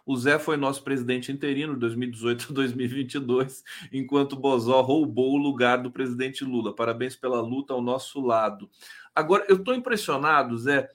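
A man's voice: mid-range voice, brisk. A man from Brazil with a Brazilian Portuguese accent, hosting a casual political chat and often ending phrases with tag questions. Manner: conversational, leans on "né?" tags, slight stammering. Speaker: host.

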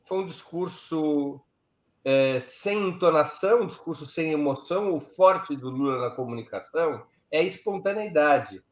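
An older man giving casual, animated political commentary, telling anecdotes with rhetorical asides. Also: a little high, moderate pace. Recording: echoey room.

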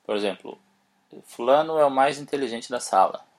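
A man with Portuguese as his first language giving a casual spoken English lesson, spelling words out letter by letter and slowing down for his example sentences. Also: medium pitch, animated. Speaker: English teacher, podcast host.

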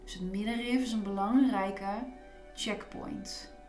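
Female relaxation guide, slow instructive delivery with gentle repeated cues, echoing room. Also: medium pitch, steady tone, soft background music. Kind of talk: guided body relaxation and breathing meditation.

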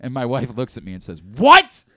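A man hosting a sports radio show, telling a long story in casual chat with quick asides and laughs. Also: medium pitch, dark tone, no echo, studio quality. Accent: American. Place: radio studio. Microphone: studio microphone.

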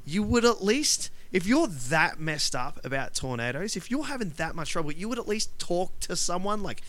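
A man co-hosting a casual film discussion podcast, animated and ranting, laughing often. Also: sits high, moderate pace. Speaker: podcast co-host.

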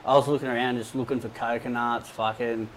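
A young Australian man tells a wild story in a rambling, casual way, swearing often and filling gaps with "um" and "like". His pitch sits in the middle, and there is a faint hum of ambient noise behind him. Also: little pitch movement, fairly quick, poor audio. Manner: swears a lot, rambling with many fillers. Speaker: guest.

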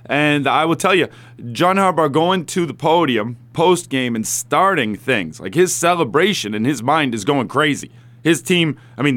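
A man's voice: fairly high pitch, a bit bright. A man hosting a sports radio talk show, giving opinionated commentary in a conversational way and addressing listeners directly.

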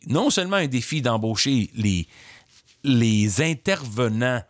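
A man with a Quebec French accent hosting a podcast, giving measured, opinionated commentary on the business of sports. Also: lowish voice, dry recording, studio quality. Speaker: podcast host.

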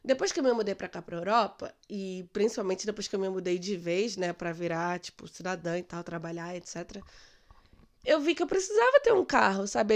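A woman in her late twenties from Brazil, telling a personal story in a chatty, animated way on her vlog. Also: mid-range voice, clear, resonant tone. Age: late 20s. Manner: chatty, animated retelling with quoted dialogue. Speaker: vlogger. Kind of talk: casual storytelling.

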